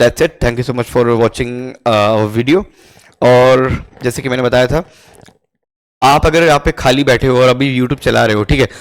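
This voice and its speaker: A young Indian man teaching spoken English in a casual mix of Hindi and English, reading English phrases slowly and often checking in with "theek hai?". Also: mid-range voice, low-quality recording. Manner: conversational, keeps asking "theek hai?"; reads English lines slowly, explains in Hindi. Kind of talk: Hinglish teaching monologue.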